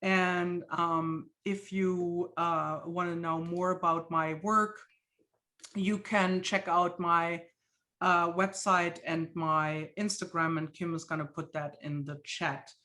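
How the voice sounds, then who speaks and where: Hosting an art webinar on a video call from a home studio, this woman from Germany talks casually with a German accent, peppering her speech with fillers and laughs. Her lowish voice is fairly even, pushed and bright, and she takes it slowly.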